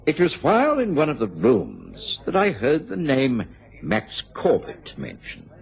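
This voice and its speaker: An actor playing a courteous, earnest doctor who serves as narrator in a radio drama. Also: male voice, medium pitch, huge pitch swings, a little slow, gravelly, muffled recording, heavily acted. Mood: measured storytelling.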